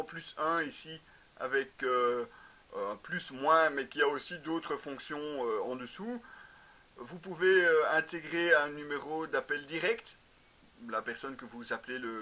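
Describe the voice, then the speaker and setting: A man in his thirties, voice on the high side and fairly bright, casually reviews motorcycle gear to camera. He pauses and hesitates a lot as he explains, filming in an indoor garage with shelves.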